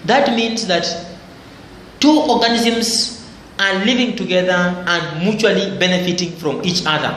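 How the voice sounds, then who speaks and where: A man's voice: high voice, a bit bright. Man teaching biology in an echoey room. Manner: repetitive explanatory teaching, phrases restated for emphasis. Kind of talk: biology lecture. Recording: very echoey room, faint background noise.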